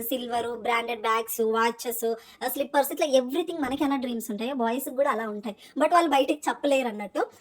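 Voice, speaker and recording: Fast-talking high-voiced Telangana woman. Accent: Telangana Telugu. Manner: chatty, rapid storytelling with English words mixed in. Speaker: vlogger. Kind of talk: casual voice-over vlog narration.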